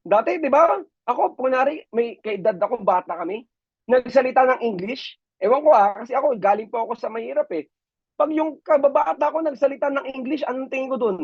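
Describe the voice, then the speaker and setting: Filipino guy mentoring a crowd, husky voice, dry flat-sounding recording, keeps saying ma'am sir. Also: very high voice, brisk, no room sound, lo-fi sound. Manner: animated storytelling, keeps addressing the audience as ma'am and sir. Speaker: business mentor. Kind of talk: motivational seminar talk.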